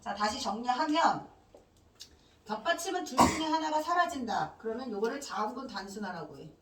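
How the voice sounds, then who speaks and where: A woman teacher lectures a class in a high, very animated voice, quizzing the room and answering her own questions. She drills letters one by one. The sound is roomy and echoey, caught from some distance off the mic. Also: a little fast, very noisy. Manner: asks questions and answers them herself.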